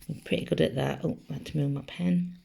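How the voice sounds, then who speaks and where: A woman's voice: deep voice, steady tone, quick pace, gravelly, dark tone, husky. A woman teaching a spelling lesson to children, patiently sounding out each letter. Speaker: primary school teacher.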